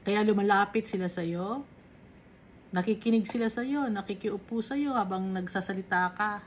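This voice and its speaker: A woman's voice: medium pitch, normal speed, slight background noise, rough recording. A woman teaching a Bible study sermon, reading verses in English and explaining them in mixed Tagalog and English, emphatic and rising sharply on key contrasts.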